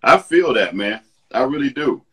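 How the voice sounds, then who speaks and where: A man telling a story in casual chat on a live video call, animated and acting out the voices of the people he quotes. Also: mid-range voice, normal speed. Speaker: guest.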